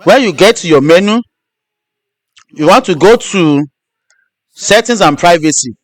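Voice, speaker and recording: A man's voice: high-pitched, lively intonation, unhurried, dry recording. A man hosting a live stream, teaching step by step and repeating his instructions. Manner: repetitive, restarts phrases. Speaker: host.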